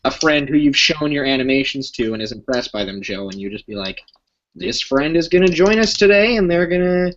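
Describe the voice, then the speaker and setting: A crew member of the series chatting eagerly and pitching ideas in a casual group call. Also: animated, a little fast, highs cut off, a little hiss or hum.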